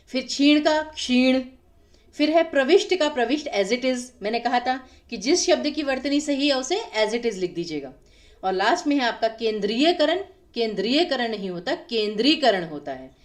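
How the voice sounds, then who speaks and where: A woman with a Himachali Hindi accent teaches an exam-prep lecture in a high, clear voice. She explains patiently, repeating key words slowly to drive home their spelling and sound. She sits slightly back from the microphone. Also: far from the mic.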